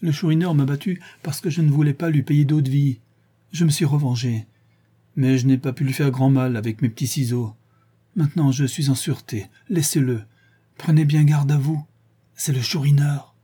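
A frightened poor young woman of the streets, timid and pleading, in a raised, soft-edged voice. A man acts her out in a storybook reading. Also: on the high side, very animated, fairly quick, hardly any pauses, slightly rough, voice pushed up, full character voice. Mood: fearful.

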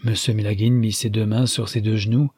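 Dark, husky male storybook narrator. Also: fairly low pitch, level tone, brisk, dry recording, studio quality. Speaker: audiobook narrator. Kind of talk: scripted narration.

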